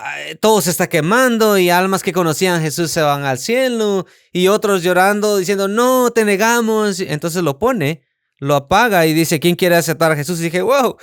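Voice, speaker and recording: A man preaches a sermon from his own life, his voice fairly high and smooth, with a resonant ring to it. He tells the story in an animated way and acts out the quotes. The sound is close and dry. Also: no echo. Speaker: pastor. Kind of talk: sermon with personal testimony. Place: church.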